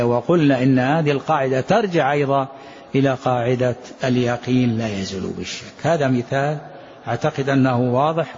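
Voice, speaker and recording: A male Islamic jurisprudence teacher with a medium-pitched, slightly mellow voice explains a religious law text to his listeners. He poses rhetorical questions and answers them himself, and the dull lo-fi recording has a bit of hiss or hum.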